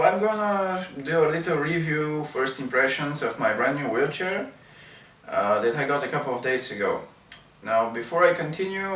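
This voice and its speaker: A Bulgarian vlogger in his thirties gives a casual first-impressions review of his wheelchair in a medium-pitched voice, unhurried and halting with many ums and uhs. The echoey room, distant mic and faint hiss shape the sound.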